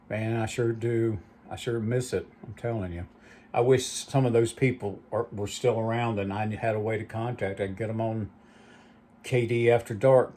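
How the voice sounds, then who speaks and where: A man's voice: on the low side, dark tone, slight background noise. Man rambling through old stories. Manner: rambling, nostalgic storytelling with asides. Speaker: channel host. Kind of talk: rambling reminiscing monologue.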